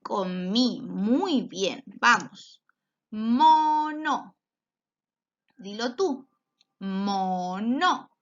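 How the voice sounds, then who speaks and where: A woman's voice: medium pitch, animated. A woman teaching a children's phonics lesson, drawing out each word and praising often. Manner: slow, drawn-out words for children, encouraging praise. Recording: dull lo-fi sound.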